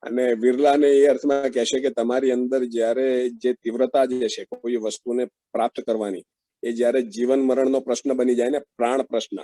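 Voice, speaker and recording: Slow-speaking male facilitator on a call. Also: mid-range voice, little pitch movement, dark tone, dry recording. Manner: slow, questioning, frequent affirming murmurs. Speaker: workshop facilitator. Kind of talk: interactive online teaching session. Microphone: video call.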